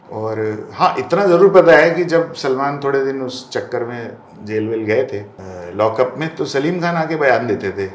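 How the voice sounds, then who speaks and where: Interview guest: man, blunt and combative, mid-pitched, drops into English phrases, roomy echo. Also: slight background noise. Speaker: interview guest, film director. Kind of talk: candid interview.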